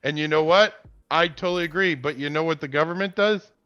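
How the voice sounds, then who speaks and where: A man's voice: a little high, a little fast, pushed and bright, dull audio. A man from upstate New York co-hosting a casual livestream chat, joking around and reading viewer comments aloud. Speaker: co-host.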